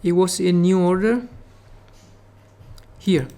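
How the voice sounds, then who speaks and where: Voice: mid-range voice, takes it slowly, warm tone. A native Spanish speaker from the Caribbean teaching a live coding class with a Caribbean Spanish accent, explaining step by step and often saying "remember" and "okay". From Latin America, Caribbean. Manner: repeats 'remember' and 'okay', explains step by step, coaxes students. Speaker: programming instructor.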